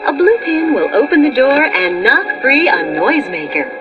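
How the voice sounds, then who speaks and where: A woman's voice: high-pitched, very animated, moderate pace, muffled recording, music in the background. A woman playing a perky instructional narrator in a scripted game tutorial. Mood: instructive.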